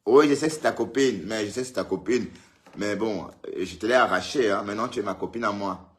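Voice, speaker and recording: Hosting a relaxed live stream from home in Europe, this man speaks fairly quickly in a lowish voice. He greets people in the audience by name and jokes around with them in a chatty tone.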